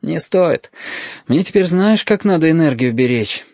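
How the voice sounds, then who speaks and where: A man reading an audiobook voices a gentle, weary boy who speaks quietly and briefly. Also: a little high, lively intonation, unhurried, no room sound, voice pushed up. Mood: quiet, tired. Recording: dull, dry lo-fi audio.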